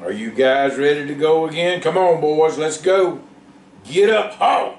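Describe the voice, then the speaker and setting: A loud farmer yelling at his team in a high, straining holler, as a storyteller puts him on. The voice sits well above a normal speaking pitch and carries a little distance in a roomy space with faint background sound. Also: measured pace. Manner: hollering commands. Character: loud gruff middle-aged male farmer driving a team.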